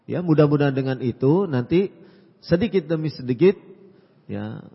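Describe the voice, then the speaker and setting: Calm male preacher, high voice, echoey hall. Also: moderate pace, vocal fry, slightly rough, lo-fi sound. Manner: calm, advising, repeats phrases with frequent "ya". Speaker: Islamic preacher answering questions. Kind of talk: religious Q&A lecture.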